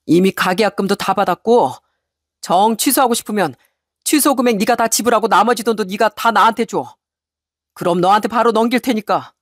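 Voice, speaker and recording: A woman's voice: medium pitch, a little fast, no echo, studio quality, lightly acted. Woman voicing a cold, firm husband. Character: cold, resolute middle-aged husband. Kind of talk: story radio reading.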